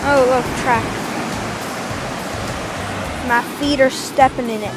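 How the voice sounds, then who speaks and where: Casual beach vlogger: young woman, high-pitched and excitable, loud music in the background. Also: slow, low-quality recording. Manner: excitable, exclaiming. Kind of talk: casual handheld beach vlog. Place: outdoors on a beach. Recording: outdoor beach recording with music.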